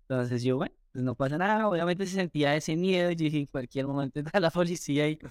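A man tells his story at a quick clip, with a slightly high voice. He acts out what others said to him as he goes. The sound is dry and close. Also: clear, resonant tone, no room sound. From Colombia. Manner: fast, animated retelling with acted quotes. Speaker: entrepreneur guest. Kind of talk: storytelling in an interview.

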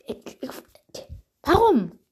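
A woman's voice: slow pace, darkish tone. A woman giving casual, slangy, exasperated reaction commentary as host, her voice run through a voice changer. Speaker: host reacting to audio drama.

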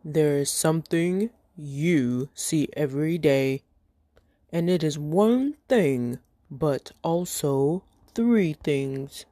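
Lady doing a big booming storybook giant, gruff and boastful, slow heavy voice, dry room. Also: mellow, no room sound. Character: huge gruff male giant, mocking and boastful.

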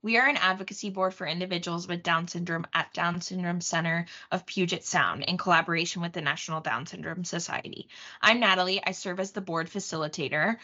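A woman host with a lowish but bright voice reads a prepared welcome. The sound is dull and lo-fi. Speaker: host, board facilitator. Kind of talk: scripted podcast introduction.

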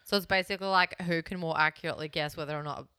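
A woman's voice: low-pitched, fairly even intonation, rapid-fire, bright, forceful tone, smooth, no echo, studio quality. A woman co-hosting a podcast, talking bluntly and animatedly, swearing freely in casual chat. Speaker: podcast co-host.

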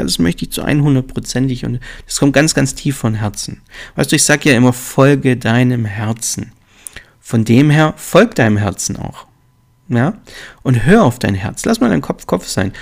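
Gravelly man giving earnest motivational advice. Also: medium pitch. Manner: earnest, direct, addresses listener as du, coaching tone. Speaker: motivational coach. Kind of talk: motivational monologue.

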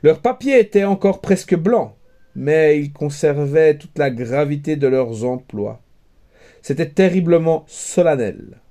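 A man narrating a fairy tale aloud in a measured, wry storytelling manner. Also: on the high side, dark tone. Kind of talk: storybook reading.

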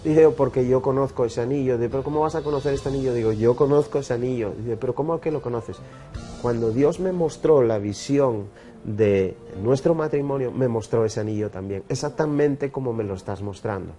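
A man's voice: mid-range voice, normal speed, warm tone, soft background music. A man giving an earnest personal testimony as an interview guest, acting out the dialogue of his story. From Brazil.

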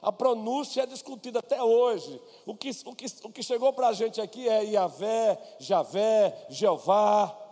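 A man's voice: high-pitched, a little slow, warm tone. A man with a Brazilian Portuguese accent preaching a sermon, chatting to the congregation by name and mixing in personal stories. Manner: conversational preaching, addresses listeners by name. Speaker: pastor. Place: church hall. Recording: long hall reverb.

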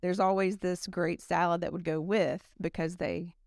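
A woman in her forties, a company executive guesting on a podcast, chatting casually in an animated way with plenty of fillers. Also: lowish voice, moderate pace, no room sound, studio quality. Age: 40s. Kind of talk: casual chat.

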